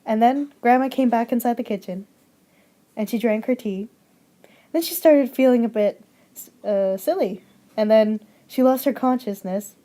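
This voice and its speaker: A woman's voice: on the high side, moderate pace, warm tone. Young woman plainly reading a fairy tale. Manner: plain storytelling with frequent "and then".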